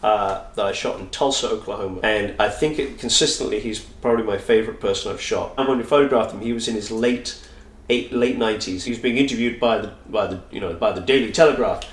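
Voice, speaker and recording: A man's voice: on the low side, quick pace, reverberant, distant mic. Chatty British man telling anecdotes. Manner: chatty, anecdotal, frequent restarts. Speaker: photographer guest. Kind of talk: casual interview storytelling.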